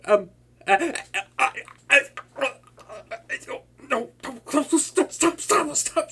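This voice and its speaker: Pushing his voice very high and bright, a man plays an exaggerated young supervillain in a hobby roleplay aimed at a listener. The character brags, gets flustered, stammers and lurches between moods.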